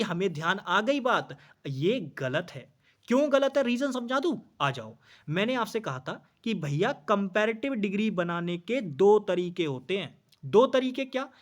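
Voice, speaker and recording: A man's voice: high voice, a bit bright. Man teaching an exam grammar lesson. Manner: asks questions and answers them himself, repeats key points; addresses students as brother. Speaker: English teacher.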